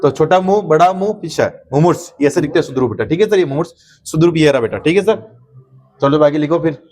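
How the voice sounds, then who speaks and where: A man's voice: a little high, fast, darkish tone, slight background noise. A middle-aged man teaching a Hindi spelling lesson in a classroom, coaxing his students with repeated tag questions.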